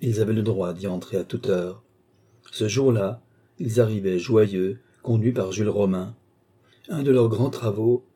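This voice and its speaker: A male narrator reads a nineteenth-century romance with measured, expressive phrasing. His voice sits low and sounds very dark and mellow, with a husky edge. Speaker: audiobook reader. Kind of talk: literary narration.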